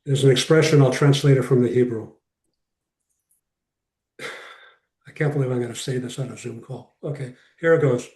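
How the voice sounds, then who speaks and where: Echoey, mellow-voiced man teaching as a rabbi. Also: medium pitch, normal speed, pauses often. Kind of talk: informal lecture with question and answer. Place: online video call session. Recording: roomy echo, distant from mic.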